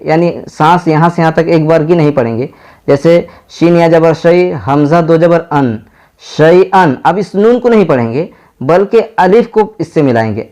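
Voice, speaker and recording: Slow Indian man teaching Quran reading. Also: on the high side, a little mellow. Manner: spells out letters and vowel marks syllable by syllable, then blends them. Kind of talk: slow step-by-step lesson.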